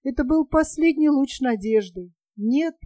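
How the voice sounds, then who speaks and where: Brief: woman narrator, high voice, measured expressive audiobook reading, dry close sound. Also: no room sound. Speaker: audiobook reader. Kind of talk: audiobook narration of a classic novel.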